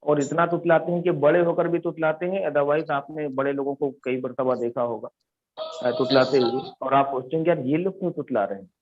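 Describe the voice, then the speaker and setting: A man's voice: a little high, a little fast. A man teaching an English class, telling stories and quizzing his students, repeating the key words. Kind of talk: classroom lesson with storytelling. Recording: tinny phone-like online class audio.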